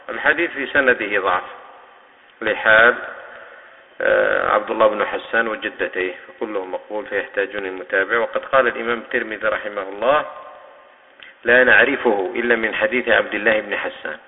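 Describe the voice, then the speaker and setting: Algerian sheikh teaching in an echoing mosque. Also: male voice, on the low side. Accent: Algerian Arabic. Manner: patient, explaining terms and coaching students to demonstrate. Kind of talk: hadith commentary lesson. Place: mosque hall. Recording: tinny lo-fi recording with long mosque reverb.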